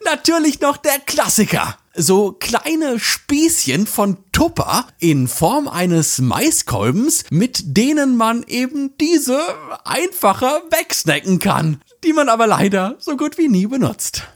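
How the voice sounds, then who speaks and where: A man hosting his own podcast, delivering a playful, theatrical scripted monologue. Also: high-pitched. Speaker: podcast host.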